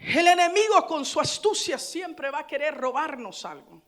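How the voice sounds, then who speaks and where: A woman pastor from El Salvador preaching a sermon with fervor, repeating phrases and building to loud exclamations. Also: high-pitched, animated, normal speed.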